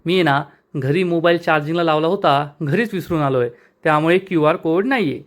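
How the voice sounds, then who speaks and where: A stubborn, cheeky young taxi rider who keeps haggling and teasing, as a man retells him. The voice sits high for a man. The dialogue is read out as part of a serial episode recap. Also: fairly quick, natural voice. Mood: insistent.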